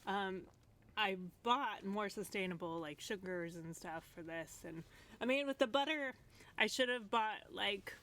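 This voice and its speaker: A woman's voice: mid-range voice, unhurried, a bit bright. A woman chatting casually as a cooking guest, giggling and hedging with "like" and "I guess". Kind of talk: casual chat.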